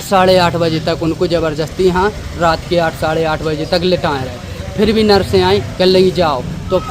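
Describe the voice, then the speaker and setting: A grieving man tells his story in a hurried, repetitive way, full of respectful "sir"s. His voice sits somewhat high. The noisy outdoor recording has traffic and street sound underneath. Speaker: bereaved son of the patient. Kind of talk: distressed eyewitness account to a reporter.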